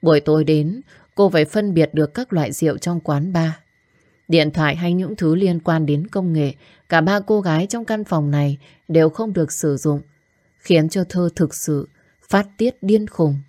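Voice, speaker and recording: A woman with a low, measured voice reads a storybook calmly. The sound is close and dry, with no room around it. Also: no room sound. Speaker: narrator. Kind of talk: scripted storybook narration.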